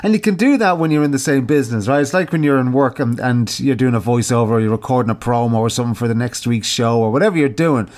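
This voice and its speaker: A man co-hosts a podcast about presenting in easy, chatty banter. His pitch sits in the middle, neither high nor low. He swears lightly and in fun while he talks at a studio mic. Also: fast talker, hardly any pauses, darkish tone. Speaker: podcast co-host. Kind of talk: casual chat. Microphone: studio microphone.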